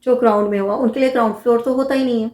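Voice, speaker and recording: A woman's voice: fairly high pitch, steady tone, very fast, darkish tone. Indian woman, teacher, casual lesson, repeats each term, asks questions, roomy echo. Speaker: English vocabulary teacher.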